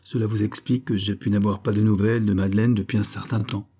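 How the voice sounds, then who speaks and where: A man's voice: fairly low pitch, flat delivery, fast talker, mellow, breathy edge. A man voicing a scheming villainous count who feigns emotion in theatrical exclamations, read in an audiobook.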